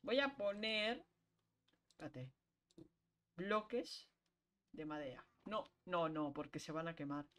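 A woman's voice: fairly low pitch, a bit bright. Chatty streamer woman. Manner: chatty, talks to chat while playing, quick laughs. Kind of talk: casual gameplay chat.

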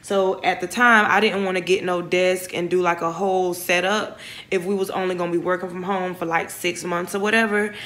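A young woman vlogger chats casually to viewers from her phone, held at arm's length, first in her living room at home and then in a parked car. Her voice is fairly low, steady and fairly bright, and she talks a little fast. She's chatty and rambling, calling her viewers "y'all."

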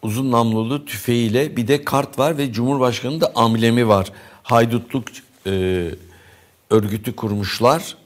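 A man hosting a morning news show, reading newspaper headlines aloud and commenting casually, with frequent pauses and fillers. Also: mid-range voice. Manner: conversational, reads headlines aloud with hesitant fillers. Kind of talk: press review commentary.

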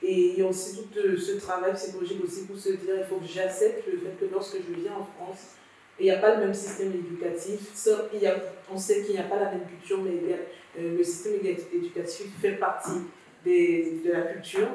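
A woman's voice: mid-range voice, flat delivery, fairly quick, warm tone, a little hiss or hum. A woman from Cameroon hosting a podcast interview, reflective and relating the topic to her own experience. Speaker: podcast host. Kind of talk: conversational interview. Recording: echoey room, distant mic.

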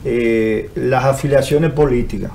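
A man, speaking in a measured, reflective way on a TV panel show, recorded on a desk mic in a studio with faint hiss. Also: mid-range voice, warm tone. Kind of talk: TV panel discussion. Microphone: desk microphone.

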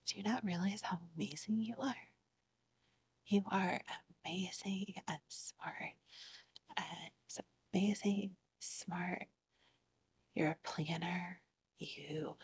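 A woman plays a therapist in a whispered role-play. Her voice is very breathy and slips between whisper and soft, creaky speech. She takes her time, soothing and encouraging as a therapist would. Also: lowish voice. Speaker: ASMR performer playing a therapist. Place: living room at home, seated on a couch.

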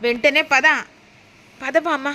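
Lady doing a panicky young husband, dramatic and flustered, high voice. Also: steady tone, takes it slowly, bright, forceful tone, full character voice.

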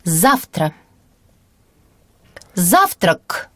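A woman serving as the native-speaker model reader in a language lesson, pronouncing single words slowly with clear, deliberate enunciation. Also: fairly low pitch, sing-song, dry recording. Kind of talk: slow careful word-by-word reading.

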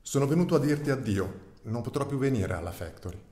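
A man's voice: medium pitch, lively intonation, fast, mellow, voice pushed up, close to an everyday voice. A man reading aloud, voicing a weary old male rat who says a sorrowful goodbye. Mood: regretful. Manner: hesitant, heavy-hearted. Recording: roomy echo.

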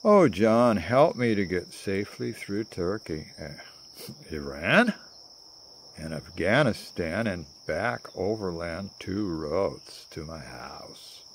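Older man voicing a hushed hippie girl praying. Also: low-pitched, very animated, slow, slight background noise, exaggerated voice. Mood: prayerful. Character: dreamy young hippie woman traveler praying. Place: outdoors in a garden.

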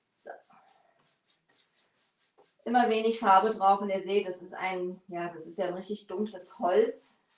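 A woman's voice: medium pitch, steady tone, a little slow, long pauses, distant mic. A woman in her forties hosting a live furniture painting tutorial, chatting while she works at her bench. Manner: chatty, bent over her work while talking. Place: small workshop studio, indoors. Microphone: far camera, no mic seen. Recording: echoey room, voice off-mic.

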